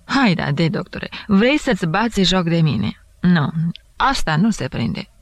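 A man's voice: high voice, very animated, dry recording. A woman voicing a jovial male judge who talks in a familiar, bantering, disbelieving way. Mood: jovial, incredulous. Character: jovial, puzzled middle-aged male investigating judge.

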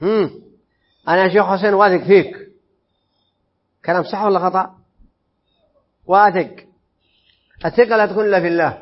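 A man's voice: high voice, steady tone, fairly quick, pauses often. A man teaching a religious creed lesson, explaining phrase by phrase and putting questions to his listeners. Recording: dull lo-fi lesson recording.

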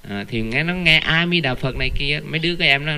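A man with a bright, forceful voice gives a relaxed, conversational Buddhist dharma talk. He sounds earnest and animated and keeps calling out the Buddha's name for emphasis. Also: a little high, fast, slight background noise. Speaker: Buddhist lay teacher.

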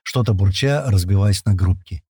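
A man's voice: lowish voice, moderate pace, breathy edge, no echo, studio quality. A man reading an audiobook aloud, narrating in the first person and voicing the dialogue. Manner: lively, shifts voice for quoted characters.

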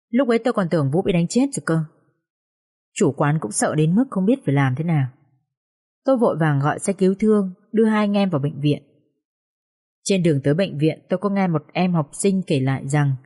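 A careful schoolteacher in an audio story who recounts events in a measured, steady way, as a woman narrator reads her. Her voice sits on the low side. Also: close to an everyday voice.

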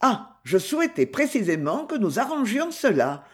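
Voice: medium pitch, very animated, normal speed, voice pushed up, natural voice. A reader voicing a stern older male colonel in an audiobook, clipped and indignant. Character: stern old male colonel, quick to anger. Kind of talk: audiobook character reading.

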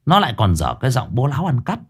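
A man narrating a humorous ghost story in a brisk, lively storytelling manner. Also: mid-range voice, breathy edge.

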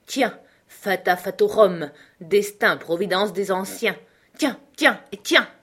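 A woman's voice: mid-range voice, normal speed, close to an everyday voice. A woman reading the part of a proud, furious rich old village man who blusters and threatens.

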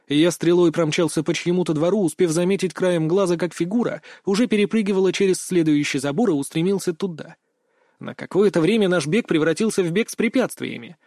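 A man reads a first-person story aloud in a brisk, steady narration. His voice sits high for a man. The sound is dry and close, with no room around it. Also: no echo. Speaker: audiobook narrator.

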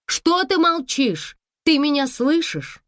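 A woman reading an audiobook voices a grown daughter who pleads rapidly and breathlessly over the phone. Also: sits high, very animated, a bit bright, dry recording, studio quality, pitched above the performer's own voice, heavily acted. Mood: pleading, excited.

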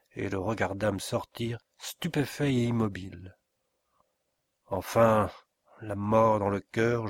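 A man with a low voice reads a classic novel aloud as an audiobook. His reading is measured and literary. The recording is close and dry. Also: no room sound. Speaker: audiobook reader. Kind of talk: scripted narration of a classic novel.

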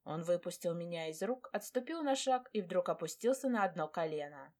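A woman's voice: on the low side, expressive, fairly quick, darkish tone. Woman reading a romance audiobook. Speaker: audiobook narrator. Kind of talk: first-person romance audiobook narration.

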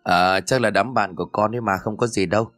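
A man's voice: lowish voice, brisk, a bit bright, no echo, faint music behind, lightly acted. A man voicing an easygoing young man in a horror audio story, casual and polite with his elders.

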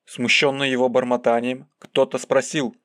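Calm male audiobook narrator. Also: medium pitch, normal speed, dry recording, clean studio sound.

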